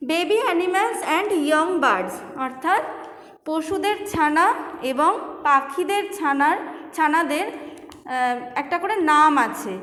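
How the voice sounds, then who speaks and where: A woman teacher giving a slow, patient lesson to young children and spelling out words letter by letter. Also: sits high, a bit bright. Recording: echoey room with long reverb.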